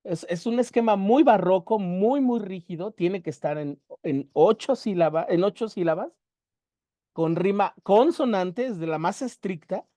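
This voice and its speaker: Mellow poetry teacher, dry sound. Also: mid-range voice, dry recording. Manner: methodical, spells out syllables slowly with emphasis. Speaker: literature workshop teacher. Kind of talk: explanatory lecture.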